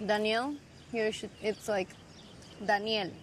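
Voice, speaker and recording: A woman's voice: fairly high pitch, a little slow, a little hiss or hum, natural voice. An actress in her twenties with a Colombian accent, playing a playful young woman teaching a visitor to pronounce words. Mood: chatty. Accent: Colombian Spanish. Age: 20s. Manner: teasing, patient, laughs easily. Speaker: lead character. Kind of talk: film dialogue.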